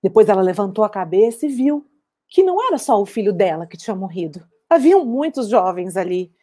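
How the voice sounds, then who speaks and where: An actress playing an older woman war veteran who recounts her memories in a measured, reflective dramatic monologue. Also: medium pitch, sing-song, warm tone. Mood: sober.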